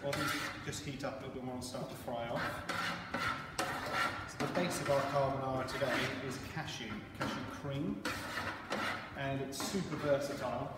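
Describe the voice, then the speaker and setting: A young English man talks viewers through a recipe in a friendly, upbeat way. His voice comes from across a large hard room, roomy and echoing. A loud hiss and kitchen noise sit under him. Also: medium pitch, fairly even intonation, moderate pace. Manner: chatty, upbeat instructions while stirring a pan. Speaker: cooking demo host, chef. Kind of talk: live cooking demonstration. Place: large bright events room with a flower wall. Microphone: far camera. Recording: echoey room from a distant camera, loud noise.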